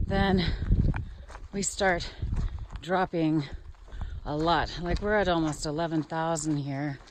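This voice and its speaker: A woman vlogging on a high mountain trail, wry and exclamatory, cheerfully complaining and swearing casually, filmed on a handheld camera outdoors. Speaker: long-distance hiker vlogging the trail. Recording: loud wind noise, outdoors.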